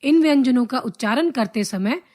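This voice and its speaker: A woman teacher reading a grammar lesson in a measured way, drawing out each letter and example. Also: high-pitched, expressive, darkish tone. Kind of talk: slow scripted grammar lesson.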